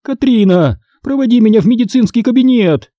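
Brief: male reader as strict older schoolteacher, woman, raised pitch, snappy scolding. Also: animated, fairly quick, warm tone, dry recording, lo-fi sound. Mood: pained. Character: stern older woman schoolteacher, grey-haired.

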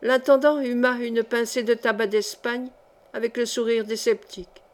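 A woman reading a historical novel aloud as an audiobook narrator, with even, clear storytelling. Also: on the high side, moderate pace. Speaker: audiobook reader.

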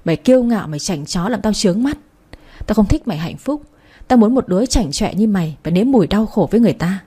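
A woman's voice: mid-range voice, lively intonation, fast, warm tone, husky. A woman voicing a spiteful, envious young woman who sneers at her rivals. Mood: sneering.

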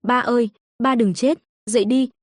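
A woman's voice: on the high side, fairly even intonation, moderate pace, no echo, studio quality, natural voice. A woman narrator voicing the reanimated corpse of a young woman who speaks in an eager, pleading way.

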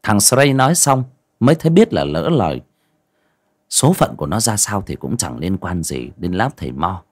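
A man's voice: low-pitched, big pitch swings, moderate pace. A man narrating a folk story with a dramatic, varied delivery.

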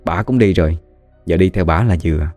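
A man's voice: sits low, fairly quick, a little mellow, no echo, soft background music, lightly acted. A man voicing a defiant, spiteful young woman who shrilly talks back, inside a spoken ghost story.

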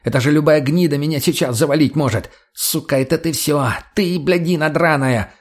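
A man voicing a jittery, foul-mouthed male drug addict who shouts and curses in a panic in an audiobook. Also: fairly high pitch, moderate pace. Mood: panicky, cursing.

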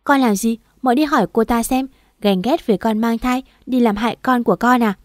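A woman doing a spiteful, sharp-tongued young wife. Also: fairly high pitch, a little fast, no room sound, studio quality, natural voice. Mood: shrill accusing. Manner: sharp-tongued, taunting, shouting.

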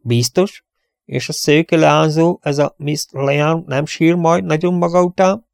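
A man's voice: a little high, steady tone, gravelly, dry recording, clean studio sound, pitched above the performer's own voice. A man voicing a cheerful, dignified prince who turns mock-stern. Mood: jovial. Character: jovial, dignified, scheming male prince.

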